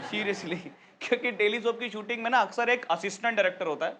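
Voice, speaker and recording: A young man doing a stand-up comedy set, telling stories in an animated way and acting out the characters. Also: high voice, fast, slight background noise. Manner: animated storytelling, acts out characters.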